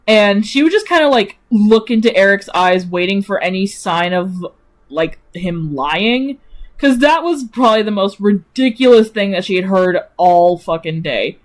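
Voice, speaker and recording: A young woman streamer chatting casually about her characters, animated, swearing freely and laughing often. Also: mid-range voice, a little slow.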